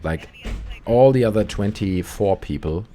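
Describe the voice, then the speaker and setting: Low-voiced German man chatting casually. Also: animated, a little slow, mellow, faint music behind. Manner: rambling, breaks off mid-sentence to react to game events. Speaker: call-in show host. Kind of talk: casual chat while playing a video game.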